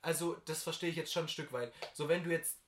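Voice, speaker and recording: A man's voice: fairly high pitch, fairly even intonation, fast, fairly bright tone, a little hiss or hum. A young man chatting casually on a podcast, explaining things in a matter-of-fact way. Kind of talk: casual chat. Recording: echoey room.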